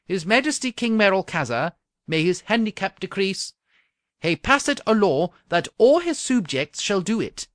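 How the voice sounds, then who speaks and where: A man's voice: high voice, sing-song, measured pace, fairly bright tone, no room sound, studio quality, pitched above the performer's own voice, exaggerated voice. A man doing a hearty Scots charioteer. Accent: put-on Scottish. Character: male royal charioteer, cheerful and matter-of-fact.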